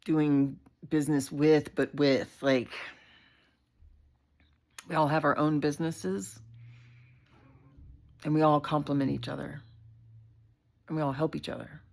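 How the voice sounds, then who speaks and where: A community leader hosts a live video, chatting casually in a low, slightly mellow voice with vocal fry. She speaks a little slowly and flatly, leaving long pauses. Her talk is heartfelt and candid, sprinkled with swearing and fillers.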